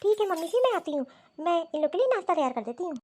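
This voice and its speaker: Woman playing a very high, meek cartoon daughter-in-law who pleads her case. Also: sing-song, racing, a little mellow, no room sound. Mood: pleading. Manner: pleading and complaining. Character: meek, put-upon young daughter-in-law. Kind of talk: cartoon voice acting.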